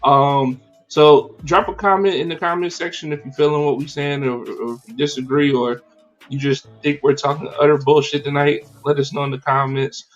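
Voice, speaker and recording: A man hosting a casual livestreamed podcast, talking in an animated, slangy and profane way with many fillers. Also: fairly high pitch, moderate pace, highs cut off, faint music behind. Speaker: podcast host.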